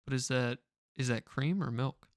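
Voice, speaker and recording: A young man co-hosting a podcast, trading jokes in quick casual banter. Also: mid-range voice, dry recording, clean studio sound. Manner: joking, lively, quick banter. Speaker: podcast co-host. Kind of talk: casual chat.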